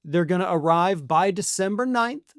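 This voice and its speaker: This American political commentator and channel host delivers opinionated news commentary in an emphatic, sarcastic, colloquial style. His high voice is animated, clear and resonant at a normal pace, captured in clean studio sound without room reverb.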